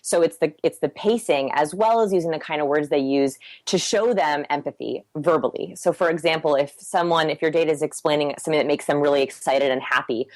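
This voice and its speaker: A young woman with a fairly low, dry voice explains body language on a podcast. She talks fast and with eager energy, picking up speed as she goes. The sound is close and dry. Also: no room sound. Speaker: guest, human behavior researcher. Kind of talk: podcast interview.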